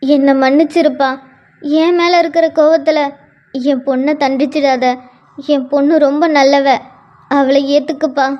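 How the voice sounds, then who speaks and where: A man's voice: very high voice, flat delivery, moderate pace, long pauses, highs cut off, voice pushed up. A man voicing an older parent of the heroine who begs forgiveness in an apologetic way, in a cartoon story. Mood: pleading. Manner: begging, apologetic.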